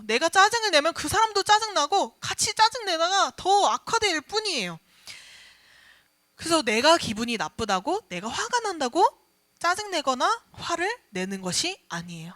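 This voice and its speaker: A woman's voice: high voice, bright, forceful tone, no room sound, clean studio sound. A woman preaching a children's sermon, asking the listeners questions and acting out quoted lines. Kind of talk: sermon for preteens. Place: church studio.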